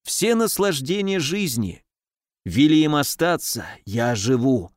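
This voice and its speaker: A man reading the part of a dying old nobleman father, speaking slowly and weakly. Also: on the high side, very animated, no room sound, clean studio sound. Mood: weak, pleading. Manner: slow, weak, muttering.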